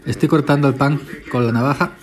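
Chatty farmhand podcaster. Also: male voice, medium pitch, steady tone, fast, slight background noise. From Spain. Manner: chatty, eats while talking. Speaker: podcast host, farm day laborer. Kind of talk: casual rambling podcast monologue.

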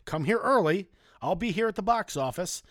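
A man's voice: high-pitched, expressive, normal speed, fairly bright tone, dry recording, studio quality. A man in his forties telling casual, chatty anecdotes from his youth, talking loosely and swearing now and then. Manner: chatty, conversational, with mild swearing. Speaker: storyteller.

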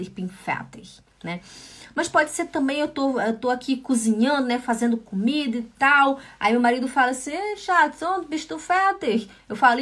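A woman from Brazil teaching German in a casual online lesson, chatty and patient, repeating examples slowly and checking in with her viewers. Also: on the high side, a bit bright. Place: lives in Switzerland.

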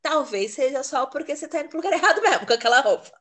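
Woman, higher pitch, casual and chatty, laughs easily. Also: lively intonation, fairly bright tone. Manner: chatty and laughing, quick asides. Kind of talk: casual chat.

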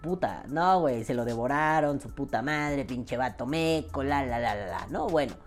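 Mexican woman vlogger, low and animated, salty casual rant. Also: normal speed, faint music behind. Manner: animated, swears freely, acts out quoted voices. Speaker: vaping vlogger.

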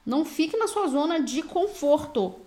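A woman's voice: sits high, animated, moderate pace, warm tone. A woman with a Brazilian Portuguese accent giving an intuitive tarot reading. She talks bluntly and directly, with slang, like a pep talk. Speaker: tarot reader.

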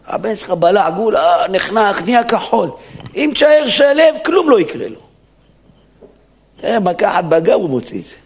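A rabbi preaches in a synagogue in a gravelly voice, pitched a bit above most men. His delivery is lively and emphatic, with wide swings up and down as he drives each point home. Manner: emphatic, preaching, acts out quotes. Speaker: rabbi giving a weekly lesson. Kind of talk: Torah sermon.

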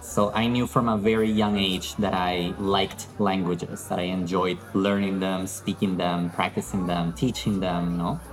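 A man's voice: low-pitched, flat delivery, a little slow, hardly any pauses, poor audio. A man from Peru, an English teacher, talking in a friendly, thoughtful way as an interview guest, with some fillers. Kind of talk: interview conversation.

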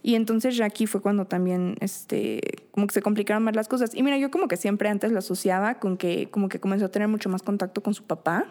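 A woman's voice: medium pitch, fairly even intonation, quick pace, few pauses, darkish tone. A young adult woman with a Mexican accent, speaking candidly in a casual chat, slangy and swearing freely. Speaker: guest.

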